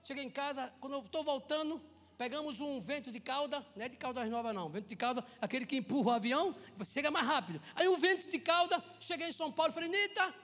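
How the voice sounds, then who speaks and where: High-voiced preaching man in a hall. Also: fast talker. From Brazil. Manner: storytelling, jokey, rising to shouted preaching. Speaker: pastor. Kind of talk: lively sermon. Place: church.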